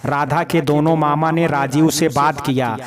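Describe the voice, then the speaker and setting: A man narrating a sad family drama story in a steady, plain storytelling manner. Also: a little high, measured pace. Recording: crowd noise in background.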